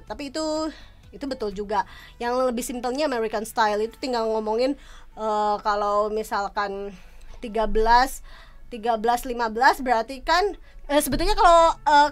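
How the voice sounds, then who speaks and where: Woman lecturer, high bright voice, code-switching, casual podcast explainer, soft music behind. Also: normal speed. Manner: mixes Indonesian and English, frequent tag "gitu ya". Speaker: English lecturer.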